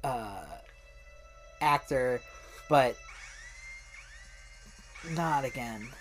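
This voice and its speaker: A woman's voice: rumbling low, drawn-out words, faint music behind. A woman chatting casually while watching a show, often restarting and trailing off mid-sentence. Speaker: co-host. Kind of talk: casual watch-along chat.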